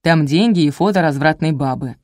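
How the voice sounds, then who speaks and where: A woman's voice: deep voice, a little fast, darkish tone, dry recording, studio quality. Woman doing a sly old village sorcerer. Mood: wheedling. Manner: sing-song folksy patter, falsely sweet.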